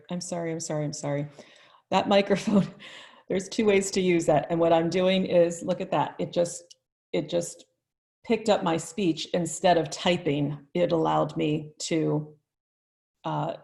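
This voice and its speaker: A woman, a teacher trainer, giving a live online tutorial in a friendly, chatty way and thinking out loud as she goes. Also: on the low side, creaky.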